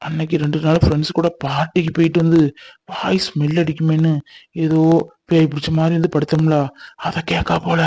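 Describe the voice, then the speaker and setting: A man's voice: fairly high pitch, little pitch movement, fairly quick, creaky, darkish tone, breathy edge, no echo. A man playing a sleepy husband who jokingly defends himself against his wife in a family skit. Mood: defensive. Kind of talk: family comedy skit acting.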